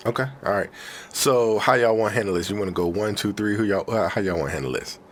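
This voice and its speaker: A man hosting a podcast in lively casual chat, his voice distorted by audio clipping from a mic recorded too loud. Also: fairly low pitch, fast. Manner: energetic, hyped-up delivery. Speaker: podcast host.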